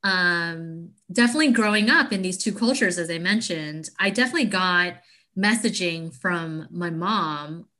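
A woman from the United States co-hosting a podcast, talking reflectively and casually in a thoughtful, halting way. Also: lowish voice, pushed and bright. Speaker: podcast co-host. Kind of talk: casual chat.

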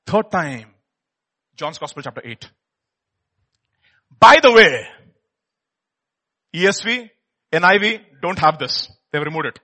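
A male preacher with an Indian accent delivers a sermon in a fairly high, forceful, bright voice. He is emphatic and dramatic, repeating words for weight and throwing rhetorical questions at his listeners as he mixes testimony with teaching. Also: expressive, takes it slowly, pauses often. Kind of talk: animated sermon with personal testimony.

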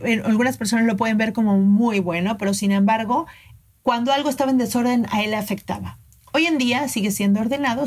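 Earnest woman giving relationship advice. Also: a little high. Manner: earnest, coaching, addresses listeners directly. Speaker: podcast host.

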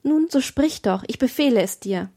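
A woman's voice: fairly high pitch, lively intonation, normal speed, dark tone. A woman voicing an imperious, capricious noblewoman. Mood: commanding. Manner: imperious, alternating tender and cruel. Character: haughty, capricious young noblewoman mistress. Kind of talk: audiobook reading.

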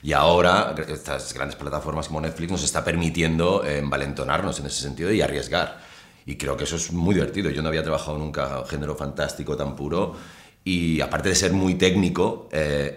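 Man with a very deep voice. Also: reverberant. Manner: relaxed, reflective, many fillers. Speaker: actor. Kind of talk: casual interview talk.

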